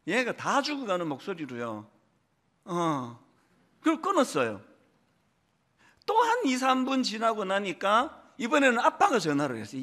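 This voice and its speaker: A middle-aged man preaches with a high, lively voice that swings up and down. He tells stories with feeling and acts out the people in them. His tone is bright and forceful. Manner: animated, emotional storytelling with quoted dialogue. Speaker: pastor. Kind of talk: sermon with personal storytelling.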